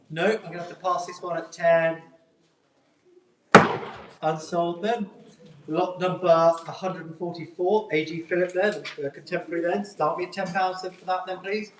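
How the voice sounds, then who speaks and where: A man calls a live auction in a slightly raised pitch. His patter is polite and repetitive, circling through numbers and bids. The sound is echoey, with his voice some way from the microphone. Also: recorded from a distance, slight background noise. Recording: echoey room, picked up from afar.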